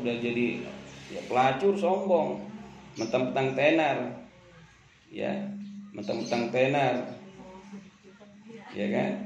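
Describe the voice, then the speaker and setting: A man preaching a sermon at a religious study gathering, chanting Arabic quotes and explaining them in lively casual speech. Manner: lively, swings from loud emphasis to low asides, chants Arabic quotes then explains; casual street slang and acted banter. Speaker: Islamic preacher. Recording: echoey room with faint background noise.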